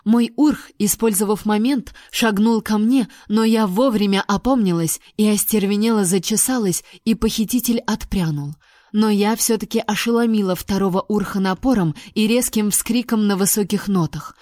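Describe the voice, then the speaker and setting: A woman reading a first-person fantasy audiobook with lively, expressive storytelling. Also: mid-range voice, moderate pace, no echo, clean studio sound. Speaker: audiobook reader.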